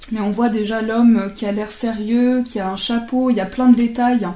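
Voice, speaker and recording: A woman casually presenting oracle card decks, chatting and laughing softly at herself as she translates card titles aloud. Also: fairly high pitch, steady tone, normal speed, roomy sound.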